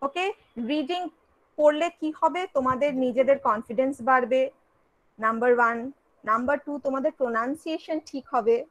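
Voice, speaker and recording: A woman's voice: sits high, normal speed, rough recording. A woman teacher with a Bengali accent giving an online English class, switching between Bengali and English and asking and answering her own questions.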